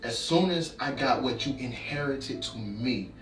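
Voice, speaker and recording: A man's voice: mid-range voice, lively intonation, a little slow, fairly bright tone. A man giving an emotional, heartfelt spoken tribute that keeps building into impassioned repetition. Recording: echoey room, distant mic, faint music.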